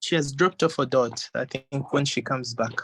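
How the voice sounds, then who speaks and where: A man's voice: medium pitch, moderate pace, fairly bright tone, slight background noise. A man on a video call, brief and practical as he handles connection trouble. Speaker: call participant.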